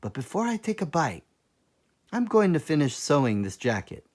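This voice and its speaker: A man's voice: fairly high pitch, sing-song, normal speed, darkish tone, voice pushed up. A man voicing an eager, boastful little tailor in a storybook, exclaiming with self-importance.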